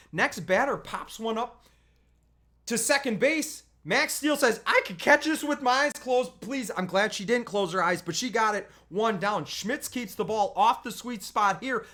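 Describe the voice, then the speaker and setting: A youth softball coach narrates game highlights in a loose, chatty play-by-play. The delivery is full of quick asides and self-corrections, and it jumps to loud, excited cheering on big plays. The pitch sits in the middle range. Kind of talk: highlight recap commentary over game video.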